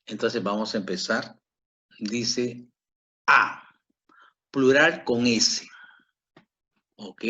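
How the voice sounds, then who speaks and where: Slow-paced male grammar teacher. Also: mid-range voice, a bit bright. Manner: slow, repetitive, checks in with "¿ok?". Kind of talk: grammar lesson. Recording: dull lo-fi recording.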